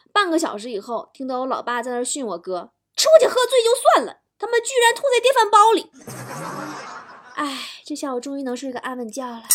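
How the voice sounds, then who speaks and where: A woman talk show host reading out listener jokes, playful and animated, adding quick comic asides. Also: high-pitched.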